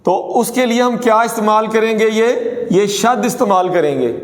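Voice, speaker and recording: A man teaching a pronunciation lesson, saying words slowly and contrasting wrong and right forms. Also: sits high, animated. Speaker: Urdu teacher. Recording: echoey room with long reverb.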